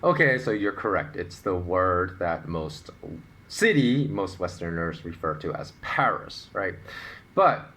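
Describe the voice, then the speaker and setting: Opinionated podcast host, lowish voice. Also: male voice, a little slow. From United States. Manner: animated, opinionated explaining with rhetorical questions. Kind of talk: solo podcast monologue.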